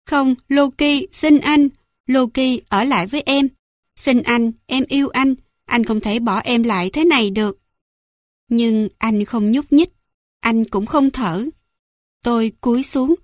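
A woman with a fairly high voice narrates a first-person fantasy audiobook. Her reading is dramatic and emotional. The sound is dry and close. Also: a little mellow, no echo.

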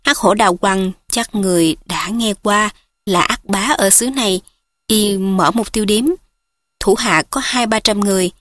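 Lady doing a nervous old innkeeper guy, hushed and bowing, dry close sound. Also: medium pitch, moderate pace, dry recording, natural voice. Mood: fearful, deferential. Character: timid, deferential old male innkeeper.

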